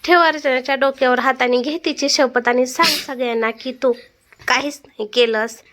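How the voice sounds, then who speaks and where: A woman voicing a protective, sharp-tongued middle-aged mother in a read-aloud family story. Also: high voice, steady tone, normal speed. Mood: insistent.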